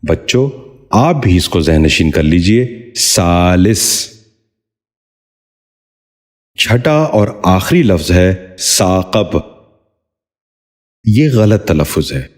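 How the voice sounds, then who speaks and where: A man with a Pakistani Urdu accent presenting a scripted pronunciation lesson, sounding out single words slowly and deliberately. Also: low-pitched, big pitch swings, darkish tone. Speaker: pronunciation teacher.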